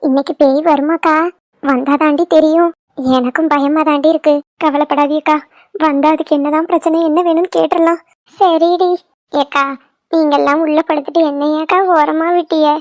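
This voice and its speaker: A high-voiced, fretful older village woman, played by a woman, gossips. She talks in a chatty, anxious cartoon manner. The recording is dry and close. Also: flat delivery, moderate pace, no room sound, natural voice. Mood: fearful.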